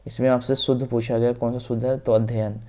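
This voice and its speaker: Calm, flat-toned male Hindi teacher. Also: medium pitch, fairly quick. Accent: Hindi-speaking North Indian. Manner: explains step by step, repeats answers, often says "ok". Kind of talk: exam-prep lesson walking through questions.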